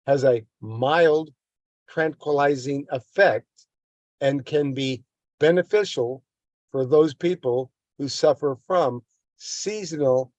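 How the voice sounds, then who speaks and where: Giving a health lesson, an older male educator reads aloud and comments, stumbling and repeating words as he rants at length against a government agency. His voice sits on the high side and is a little mellow, in a dry recording with dull audio.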